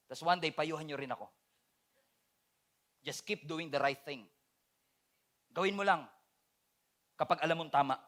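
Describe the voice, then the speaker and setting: High-voiced bright pastor preaching. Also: male voice. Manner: swings between loud appeals and quiet confessional passages. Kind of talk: sermon.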